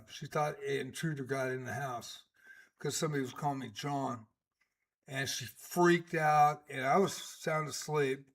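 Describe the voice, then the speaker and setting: A man's voice: a little high, a bit bright. A man in his sixties giving casual live-stream chess commentary, chatty and rambling with many fillers. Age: 60s.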